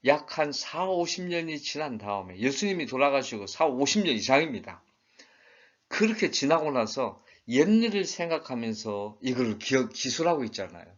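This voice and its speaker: A man giving a conversational Bible study lecture, asking rhetorical questions and acting out quoted lines in regional dialects. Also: mid-range voice. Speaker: Bible teacher. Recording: dull lo-fi recording.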